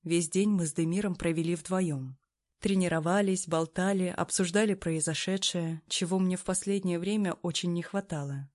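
A woman reading a first-person story aloud, narrating in a calm, even way. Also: on the low side, normal speed.

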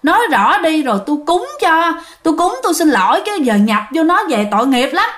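A woman's voice: high-pitched, big pitch swings, a little fast, fairly bright tone, voice pushed up. A woman with a Southern Vietnamese accent voicing a stern elderly foster grandmother who scolds a spirit. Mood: demanding. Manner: scolding, demanding.

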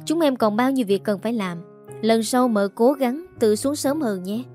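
A woman's voice: a little high, normal speed, darkish tone, faint music behind, natural voice. A woman reading the lines of a young housemaid who complains rudely and then stammers apologies. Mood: sulky. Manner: sulky, then stammering and pleading. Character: rude young female housemaid.

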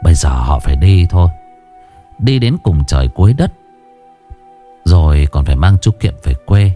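A man's voice: low voice, moderate pace, soft background music. A man narrating a crime story in a dramatic, scripted way. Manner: expressive, dramatic.

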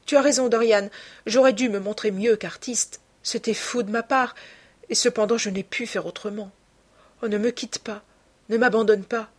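A woman voicing a heartbroken young actress who pleads desperately with her lover, in a husky, raised voice. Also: fairly even intonation, normal speed, close to an everyday voice. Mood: desperate pleading. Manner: pleading, tearful, higher voice.

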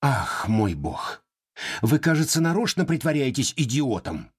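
A man reading an audiobook voices an impatient, imperious rich lady who scolds and bargains in a husky voice. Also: fairly high pitch, lively intonation, a little slow, a little mellow, pitched above the performer's own voice. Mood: scolding.

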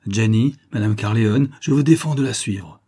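A man's voice: fairly low pitch, normal speed, dark tone, husky. A man voicing a tense young husband who speaks urgently and commandingly.

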